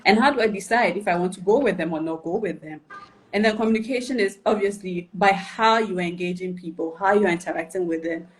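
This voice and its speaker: The audio is poor as a woman with a voice on the low side talks at a quick pace. She's coaching someone on personal branding in a live video chat, patiently explaining, asking "right?" and "okay?" to confirm they follow, and building points via repeated questions and enumerations.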